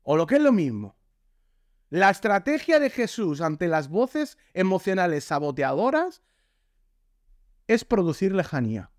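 A man with a Spain Spanish accent giving a lively, jokey sermon and acting out the voices he quotes. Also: high voice, a little slow, long pauses, no room sound, studio quality. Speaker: pastor.

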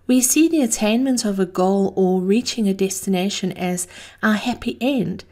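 A woman hosting an inspirational podcast, reading scripted reflections in a gentle, measured, reflective way. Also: mid-range voice. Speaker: host of a daily encouragement podcast.

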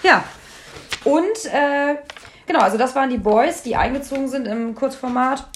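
A woman's voice: high voice, normal speed, a little hiss or hum. A woman co-hosting a casual chat, recapping a reality show in a blunt, sarcastic, slangy way. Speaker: podcast co-host.

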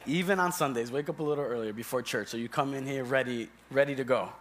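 A man's voice: medium pitch, fast, a bit bright, a little hiss or hum. A young man preaching as a church elder in a church, conversational and joking, calling on his congregation. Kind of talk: sermon. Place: church sanctuary.

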